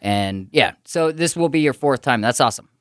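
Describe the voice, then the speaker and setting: A man's voice: mid-range voice, animated, moderate pace, no echo, clean studio sound. A male podcast host chatting casually, laughing often and joking about himself. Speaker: podcast host and comedy show host.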